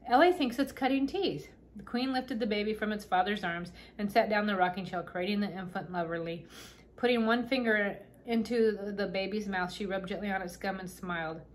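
A woman reading a children's novel aloud, unhurried and gently expressive, doing little voices for the characters. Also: mid-range voice. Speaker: storybook reader.

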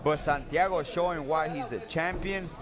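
A man's voice: a little high, moderate pace. A man giving live boxing commentary from a ringside table. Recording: crowd noise at ringside.

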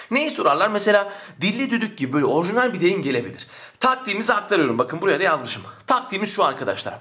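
A man's voice: sits high, pushed and bright. A man teaching an exam-prep language lesson, joking and chatting with his students as friends.

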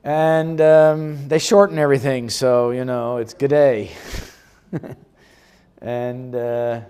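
A man giving a chatty, relaxed presentation about a health retreat to a church group, showing slides and chuckling often. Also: medium pitch, takes it slowly, smooth. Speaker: guest speaker presenting a health retreat ministry. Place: church meeting room.

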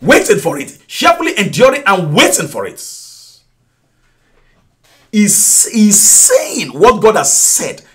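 A man's voice: high voice, wildly swooping pitch, takes it slowly. A male preacher teaching a sermon, repeating phrases emphatically with frequent laughs and praise.

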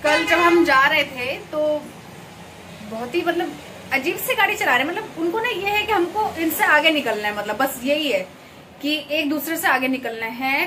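A young woman from Uttarakhand talks to a camera set up in her kitchen as she cooks. She rambles chattily, with plenty of filler words, in a fairly high voice. Faint noise hangs behind her. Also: sharp tone. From Uttarakhand, India. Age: young adult. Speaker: vlogger. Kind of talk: casual chat while cooking. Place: home kitchen beside a window onto a busy highway. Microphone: fixed camera placed in the kitchen.

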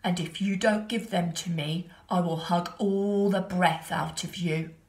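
A woman voicing a greedy, slow bear that growls out loud threats. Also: on the low side, steady tone, roomy sound. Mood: menacing.

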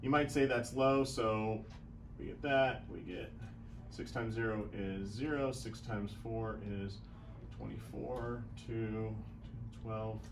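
A man's voice: on the low side, steady tone, slow, background noise. A man in his thirties giving a casual whiteboard business lesson, thinking aloud as he works through sums, on a lapel mic in a small room. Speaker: chiropractic business coach.

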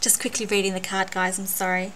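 An Australian woman unboxing a craft gift on her vlog, gushing and excitable, often repeating words. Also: medium pitch, fairly quick. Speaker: craft vlogger. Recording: noisy home recording.

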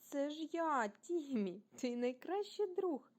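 A woman's voice: high-pitched, expressive. A woman doing a bouncy cheerful boy dinosaur. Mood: gentle. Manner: bright, bouncy, slowed for emphasis.

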